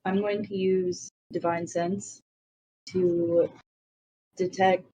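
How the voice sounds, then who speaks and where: Low-pitched woman playing a tabletop game. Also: level tone, slow, mellow, slight background noise, rough recording. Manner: easygoing, thinks aloud while planning moves. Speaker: player. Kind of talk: casual tabletop game chat.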